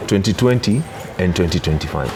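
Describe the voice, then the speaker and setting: A Kenyan man in his thirties, a gospel DJ, gives a casual interview in a mix of English and Swahili. His low, expressive voice moves briskly, he speaks emphatically and often checks that he's understood, and there's noise in the background.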